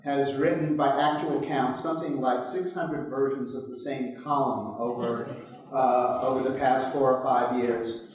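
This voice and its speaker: Heard through a low-quality stream, a man moderates a conference panel, his voice distant and swimming in heavy hall echo. The sound is dull and muffled, and he talks hesitantly with frequent fillers. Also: fairly even intonation. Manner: hesitant, many filler pauses. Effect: low-quality live stream recording.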